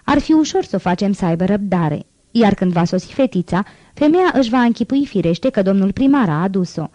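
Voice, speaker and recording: A woman voicing a shy, devout nun who nurses the sick, speaking higher and timidly. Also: expressive, mellow, no echo, highs cut off, lightly acted. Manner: shy and pleading.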